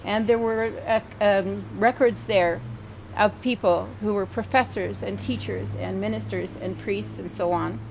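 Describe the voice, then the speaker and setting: A woman's voice: medium pitch, fairly even intonation, a little slow, creaky, darkish tone, a little hiss or hum, low-quality recording. Older woman reverend hosting a memorial. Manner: informal and conversational, with fillers. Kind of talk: outdoor memorial service remarks. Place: outdoor garden at her home.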